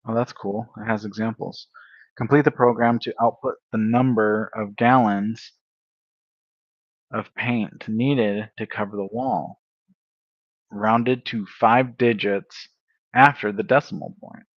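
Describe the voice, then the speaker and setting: Brief: low-pitched male tutor, unhurried think-aloud delivery, dry lo-fi stream audio. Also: fairly even intonation, no room sound. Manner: unhurried, thinks aloud, self-correcting with fillers. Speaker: tutor livestreaming a study session. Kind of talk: casual thinking-aloud coding walkthrough.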